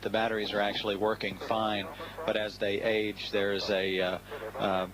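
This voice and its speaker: A man giving hesitant, measured explanatory commentary on a spaceflight from mission control over a noisy feed. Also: on the low side. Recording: noisy radio broadcast feed.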